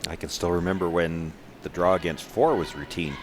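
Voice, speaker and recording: A man's voice: deep voice, steady tone, a little fast. A man giving live play-by-play curling commentary in a conversational way, putting questions to fellow commentators. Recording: noisy sports arena broadcast.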